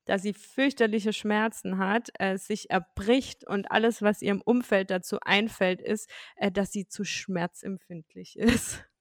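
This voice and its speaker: A young woman telling her own story frankly and lively in a casual conversation. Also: mid-range voice, unhurried, few pauses, dry recording, studio quality. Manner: frank, animated storytelling with laughs.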